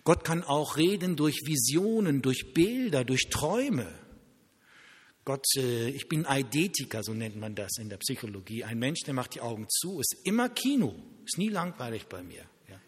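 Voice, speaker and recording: A male pastor preaching a sermon, telling lively stories and acting out quoted dialogue. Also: medium pitch, normal speed, breathy edge, big-room sound.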